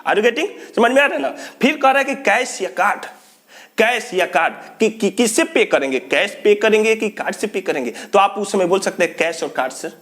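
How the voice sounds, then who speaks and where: Lively, high-voiced man teaching English. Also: moderate pace. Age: young adult. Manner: repeats phrases over and over, chuckles often. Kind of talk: spoken English lesson.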